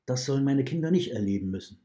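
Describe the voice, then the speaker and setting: A man's voice: medium pitch, lively intonation, fast talker, mellow, pitched above the performer's own voice, natural voice. A man voicing a remorseful, weary male wolf imprisoned in a dungeon, talking in a pained, confessing way, in a read-aloud story. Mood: bitter, hurt.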